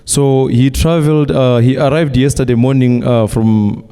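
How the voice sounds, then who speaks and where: A man from Zimbabwe, giving a church testimony in a measured way with frequent hesitations. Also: medium pitch, fairly even intonation, mellow, smooth. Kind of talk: testimony to a congregation. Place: church hall. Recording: reverberant church hall.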